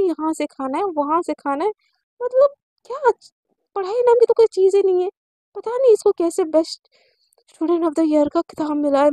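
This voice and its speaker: A woman's voice: sits high, a little mellow, dry recording. Woman voicing a stern young teacher. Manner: strict, scolding.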